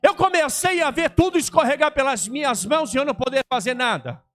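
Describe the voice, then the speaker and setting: A man preaches a personal testimony from the pulpit. His voice sits high and he acts out each exchange, rising to near shouts and dropping to near whispers. A faint music bed plays behind him. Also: lively intonation, a little fast. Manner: dramatic, acts out dialogue, swings from shouting to hushed. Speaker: pastor. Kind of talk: testimony sermon.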